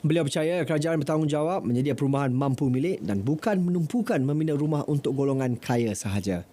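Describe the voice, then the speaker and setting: A man's voice: fairly high pitch, lively intonation, fast, dark tone. A man reading parliamentary news in a formal studio newsreader delivery. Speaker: news presenter.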